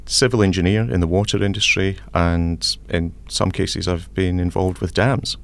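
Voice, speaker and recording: A man in his forties with a Scottish accent, answering interview questions about his engineering career in a measured, reflective way. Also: low-pitched, fairly even intonation, fairly bright tone. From Scotland. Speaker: civil engineer guest. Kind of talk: podcast interview.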